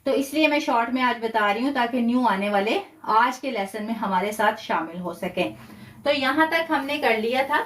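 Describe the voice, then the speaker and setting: A woman teaching a live online lesson, explaining patiently step by step and drawing out example words slowly. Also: on the high side, animated, slight background noise. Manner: slow, drawn-out recitation of example words. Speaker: Quran teacher. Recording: roomy, a bit far from the mic.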